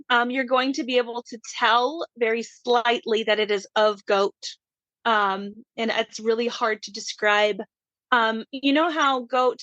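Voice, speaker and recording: A woman's voice: a little high, a bit bright, dry recording. A woman, a homesteading guest in a casual interview, talking in a friendly, thoughtful way with frequent ums. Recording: dull lo-fi sound.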